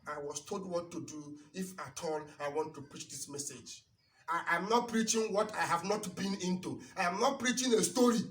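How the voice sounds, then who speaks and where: A man giving an impassioned lecture-sermon, hammering rhetorical questions and swinging between loud bursts and low asides. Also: moderate pace. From Nigeria. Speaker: lecturer on religion and culture. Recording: roomy, distant mic, faint birdsong behind.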